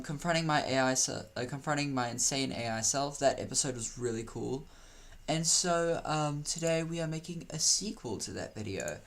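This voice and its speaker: A man from Africa, hosting a casual video and talking through what is on his screen in a rambling, joking way. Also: mid-range voice. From South Africa. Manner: rambling, joking, teasing slang. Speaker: YouTuber host. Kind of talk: casual commentary over screen play.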